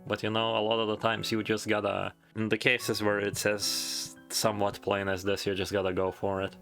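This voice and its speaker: A man narrates a retrospective video essay in a lowish, creaky, somewhat bright voice, his delivery completely flat at a moderate pace. He rambles casually with wry asides while music plays in the background.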